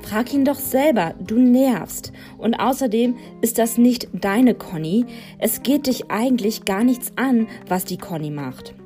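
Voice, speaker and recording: A woman voicing an annoyed teenage sister in a storybook, dismissive and quiet. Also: on the high side, expressive, moderate pace, soft background music, lightly acted. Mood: irritated.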